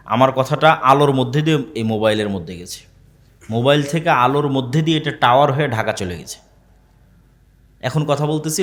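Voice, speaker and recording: A man preaching a sermon to a live audience, asking the crowd questions and repeating key phrases. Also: mid-range voice. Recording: long hall reverb.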